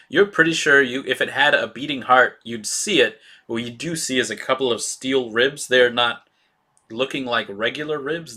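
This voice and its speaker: A man running a tabletop role-playing game as game master, describing scenes in a halting way with many fillers. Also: mid-range voice, bright, forceful tone.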